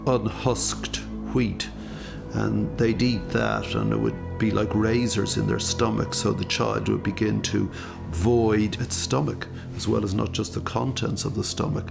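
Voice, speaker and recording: Gravelly low guy, slow and halting, music playing behind. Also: steady tone. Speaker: interviewee. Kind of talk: interview recollection.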